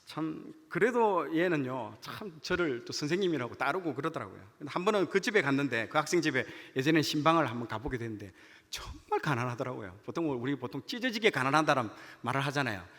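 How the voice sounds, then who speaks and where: Animated preacher, man, high bright voice, echoing church hall. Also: quick pace. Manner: animated storytelling, acts out dialogue. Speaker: junior pastor. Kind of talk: sermon with personal story. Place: church sanctuary.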